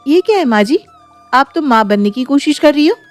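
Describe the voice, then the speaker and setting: Female VO: suspicious young daughter-in-law, argumentative, slightly high, dry. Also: expressive, fairly quick, no room sound, faint music behind. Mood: arguing. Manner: sarcastic, argumentative. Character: young bride, sharp-tongued and suspicious.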